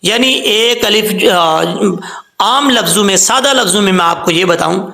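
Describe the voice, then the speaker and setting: A man's voice: sits high, sharp tone. Man teaching tajweed in an echoey room. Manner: patient, explains step by step and checks understanding; draws out words slowly, with melodic chanting when reciting. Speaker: Quran recitation teacher. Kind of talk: tajweed lesson.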